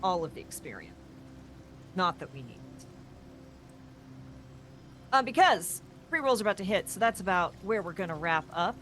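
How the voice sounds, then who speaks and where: A woman's voice: on the low side, sing-song, normal speed, long pauses, a bit bright, a little hiss or hum. A woman hosting a co-op game stream, chatting casually and thanking viewers in an upbeat way. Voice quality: chatty, upbeat sign-offs. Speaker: streamer and host.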